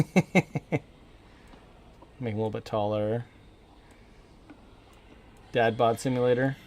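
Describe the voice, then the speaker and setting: A man's voice: mid-range voice, fairly even intonation, slow pace, darkish tone, slight background noise. A man with an American accent streaming a video game, chatting informally and thinking aloud as he goes. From northern Minnesota, USA. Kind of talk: casual gaming commentary.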